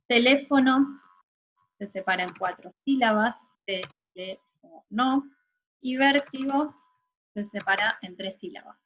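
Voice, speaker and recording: A woman teaching a recorded online lesson in a fairly high voice. She explains step by step and often checks in with her listeners. The sound is dull and lo-fi, like a home recording. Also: breathy edge. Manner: patient, explanatory, checks understanding with tag questions.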